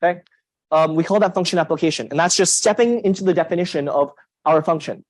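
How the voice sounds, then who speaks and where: Lively young man giving a lecture. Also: on the high side, quick pace, no room sound, low-quality recording. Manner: lively, emphatic, asks the class questions. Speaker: university lecturer. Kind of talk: classroom lecture. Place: lecture hall.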